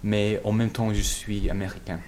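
Un homme venu d'Angleterre, de langue maternelle anglaise, qui répond en interview d'un ton hésitant en cherchant ses mots. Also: male voice, on the low side, little pitch movement, a little mellow, slight background noise. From England. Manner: halting, searching for words. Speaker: guest. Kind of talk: interview answers.

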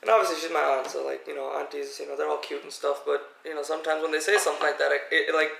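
Young male co-host, quick and gravelly, bright tone, animated storyteller. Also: a little high, reverberant, recorded from a distance, a little hiss or hum, poor audio. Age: young adult. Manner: fast, animated anecdotes with many fillers. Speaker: podcast co-host, event DJ. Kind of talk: casual group chat.

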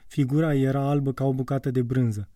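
A man narrating a literary audiobook in a measured, calm way. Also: mid-range voice, no room sound, studio quality, recorded from a distance.

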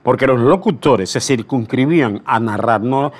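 Older veteran announcer telling stories. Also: male voice, medium pitch, normal speed. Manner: animated storyteller, acting out dialogue, restarts. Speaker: veteran radio announcer, guest. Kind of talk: anecdotal interview storytelling.

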